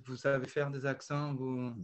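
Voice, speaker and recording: A man hosting a casual chat among friends, running a game in an animated way and laughing often. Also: mid-range voice, normal speed. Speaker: host.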